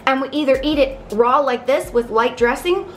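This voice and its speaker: A woman's voice: sits high, moderate pace, a little hiss or hum. A woman in her thirties, from Canada, chatting step by step through a meal prep in her home kitchen. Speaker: vlogger. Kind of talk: casual cooking vlog.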